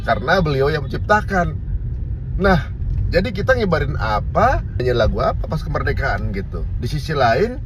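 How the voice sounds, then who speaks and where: A man's voice: on the high side, noisy background. A man chatting casually to his viewers in an amused, chuckling way. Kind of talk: casual vlog commentary.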